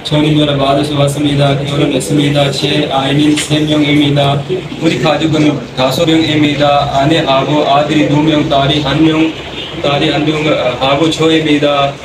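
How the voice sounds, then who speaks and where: A man in his thirties gives a memorized self-introduction in a very flat, even voice. He is heard from a distance in an echoey room with steady background noise. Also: on the high side, normal speed. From Pakistan. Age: 30s. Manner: memorized, recited phrases. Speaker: skill test candidate.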